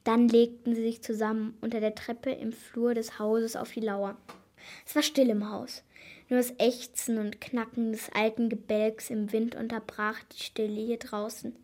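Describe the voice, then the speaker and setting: A woman narrating a children's mystery audiobook in a steady, expressive storytelling voice. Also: a little high, moderate pace.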